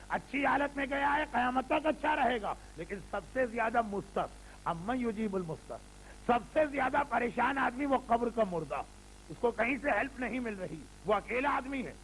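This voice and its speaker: A man's voice: extremely high pitch, lively intonation, a bit bright, a little hiss or hum, low-quality recording. An older man, a cleric, delivering a sermon in a repetitive, rhetorical style that mixes in English words. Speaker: Shia cleric preaching.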